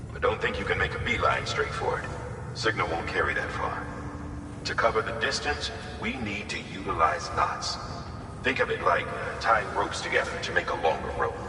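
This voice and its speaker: A stern, middle-aged male director, played by an actor barks clipped orders in a deep, low voice. It sounds distant and roomy, with a long echo tail and loud noise behind it, like a radio call in a video game. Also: lightly acted. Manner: clipped, commanding briefing. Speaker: mission director.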